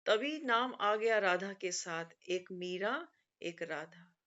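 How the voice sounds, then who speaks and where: Her voice is medium in pitch, animated, slow and a bit bright as she delivers a devotional discourse. This spiritual speaker frames things as stories, quoting teachings often and adding conversational asides, all captured on a muffled lo-fi recording.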